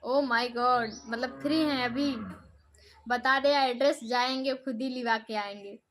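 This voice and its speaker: A woman's voice: a little high, fairly even intonation, unhurried, fairly bright tone, a little hiss or hum. A young woman, live streaming on her phone, angrily scolding a troll in the comments and then brushing him off.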